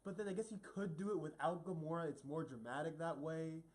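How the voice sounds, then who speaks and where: A young man co-hosting a casual film review chat, animated, his pitch jumping up when he makes a point. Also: fairly quick.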